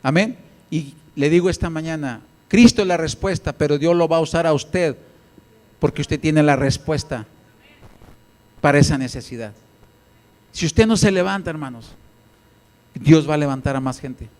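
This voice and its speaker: A man preaching a church sermon with a Mexican accent, telling animated stories. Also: a little high, normal speed, long pauses. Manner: animated storytelling with acted voices.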